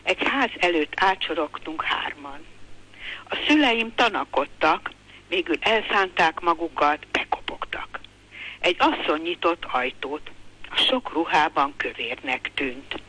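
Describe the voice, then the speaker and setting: Older woman calmly reading her memoir. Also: low voice, low-quality recording. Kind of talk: memoir passage read aloud.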